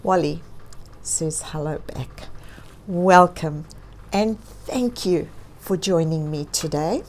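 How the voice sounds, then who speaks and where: Hosting a story reading for kids, this woman speaks in a low voice and takes it slowly. She keeps it expressive and encouraging, frequently putting questions to her audience.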